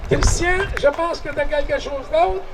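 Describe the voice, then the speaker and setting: High-voiced jovial man announcing on stage. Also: measured pace, far from the mic, noisy background. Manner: jovial, thanking sponsors. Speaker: festival emcee. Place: outdoor festival stage.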